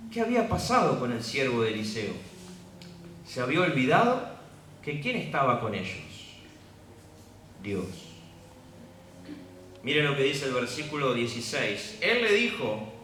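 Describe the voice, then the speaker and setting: A man's voice: medium pitch, sing-song, a little slow, pauses often, fairly bright tone, a little hiss or hum. A man preaching a sermon as pastor, asking the congregation question after question and rising at dramatic moments. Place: church. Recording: echoey church from far off.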